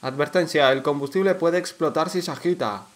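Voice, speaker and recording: A man with a Canary Islands Spanish accent giving casual, excitable commentary while playing a horror game, swearing and shouting at the enemies. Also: fairly high pitch, fairly quick. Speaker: let's play gamer.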